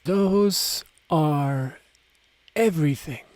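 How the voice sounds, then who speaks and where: A man's voice: on the high side, drawn-out words, a little mellow, no room sound. Man voicing a muttering toothless old crone. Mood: mumbling.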